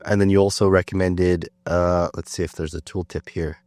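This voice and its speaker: A man's voice: low voice, little pitch movement, moderate pace, darkish tone, no room sound. A man hosting a podcast, chatting casually with many fillers and restarts. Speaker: podcast host. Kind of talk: casual conversation.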